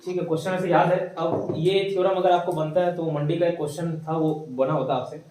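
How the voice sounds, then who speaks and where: A man teaching a maths class, slowly dictating theorems and repeating each phrase for students to write down. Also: on the high side, steady tone, a little mellow, a little hiss or hum. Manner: slow repeated dictation, mixing Hindi with English terms. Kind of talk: classroom lecture, dictating notes. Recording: echoey room, voice from a distance.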